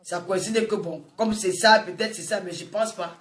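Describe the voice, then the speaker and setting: Speaking at a normal speed in a mid-range voice, this woman in her forties addresses her viewers as a social media personality, her Francophone African accent coloring an emphatic, informal scolding full of repeated phrases. The recording comes from an echoey room with the mic set far away.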